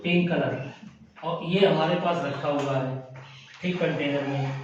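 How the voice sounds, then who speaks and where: A man teaching a chemistry class, quizzing his students with quick questions. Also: a little high, fairly even intonation, a little hiss or hum. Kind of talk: classroom lecture. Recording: echoey muffled room from far off.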